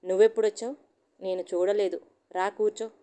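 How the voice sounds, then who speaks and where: Sharp-tongued middle-aged wife and mom, testy and sulky, as a woman reads her lines. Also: mid-range voice, steady tone, brisk, clear, resonant tone, close to an everyday voice. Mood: irritable. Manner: sharp, peevish complaining. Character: irritable middle-aged housewife and mother.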